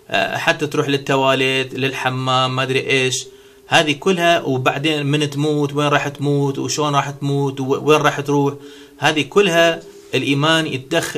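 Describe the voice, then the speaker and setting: A man's voice: medium pitch, pushed and bright. A man from Syria, answering a viewer's question in a casual, lecturing monologue with many hesitations and restarts. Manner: lecturing, strings synonyms together.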